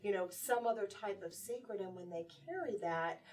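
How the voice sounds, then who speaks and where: A woman's voice: medium pitch, moderate pace, darkish tone. Woman host, talk show, reflective, sounds a bit far from the mic.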